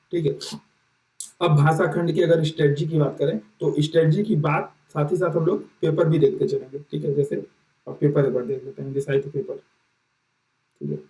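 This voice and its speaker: A male teacher talks his students through an exam syllabus, checking in with them over and over and restarting his sentences as he goes. His voice is fairly high and warm, with a mellow tone. He sits some way back from the mic in a room with plenty of echo. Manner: repeats "ठीक है" as a check-in, many fillers and restarts. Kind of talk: casual explanatory lesson. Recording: roomy echo, distant mic.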